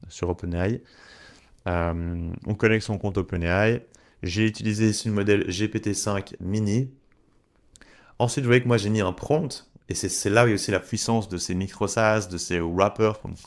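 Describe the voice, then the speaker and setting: A man walking viewers through a software tutorial in a chatty, direct way. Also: fairly low pitch, creaky. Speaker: tutorial creator. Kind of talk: screen-share software tutorial.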